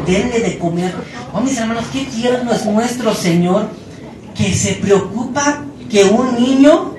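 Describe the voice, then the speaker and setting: Pastor, animated storyteller, mic at a distance in a reverberant church hall with faint hiss. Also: mid-range voice. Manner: storytelling with acted-out quotes and humor. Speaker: preacher. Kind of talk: sermon.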